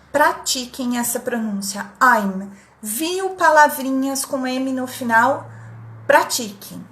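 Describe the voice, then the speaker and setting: A woman's voice: sits high, bright, forceful tone, roomy sound, slight background noise. A Brazilian woman teaching English in a live online lesson, drilling pronunciation by repeating words and reading out viewer comments. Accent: Brazilian Portuguese. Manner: reads out chat comments from viewers. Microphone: computer mic on a live stream.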